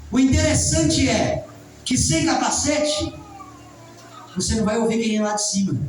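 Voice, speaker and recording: A male preacher delivering a fervent sermon that builds up to shouting. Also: extremely high pitch, expressive, normal speed, slight background noise. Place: church hall. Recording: very echoey, distant mic, faint music.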